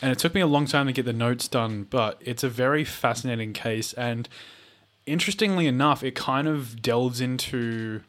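An Australian man with vocal fry co-hosting a podcast in casual, jokey, sweary banter. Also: mid-range voice, normal speed, fairly bright tone. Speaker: true crime podcast co-host.

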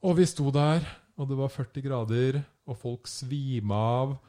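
A man telling a travel story in casual conversation, animated and acting out the people he quotes. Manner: animated, acts out quotes with rising pitch.

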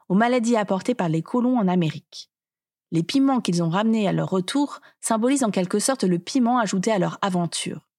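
A woman reading scripted documentary narration in a measured, explanatory way. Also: mid-range voice, a little mellow, slightly rough.

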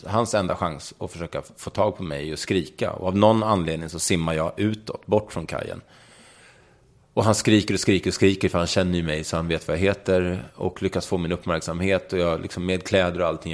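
Deep gravelly young man telling a story. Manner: frank, swears casually, vivid retelling. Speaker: guest. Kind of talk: candid interview storytelling.

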